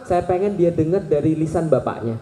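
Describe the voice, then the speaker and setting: A man in his thirties giving a lively religious talk to a live audience, questioning the crowd and joking. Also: on the high side, fairly quick. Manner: animated, asks the crowd questions and jokes. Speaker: Islamic preacher. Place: large hall with an audience. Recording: echoey hall recording.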